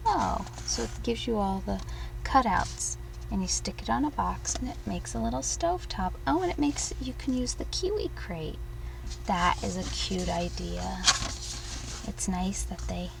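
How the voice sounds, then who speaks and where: Slow, creaky woman in ASMR role-play. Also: mid-range voice, sing-song, recorded from a distance, low-quality recording. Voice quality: soft, slipping in and out of a soft voice. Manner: unhurried, nurturing, simple explaining as to a child. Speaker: ASMR performer playing a caring mother.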